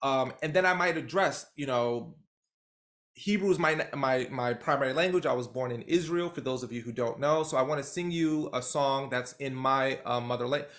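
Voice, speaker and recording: Over a video call, a man coaches a training session, talking animatedly and rambling with plenty of fillers. His pitch is medium and his speed normal.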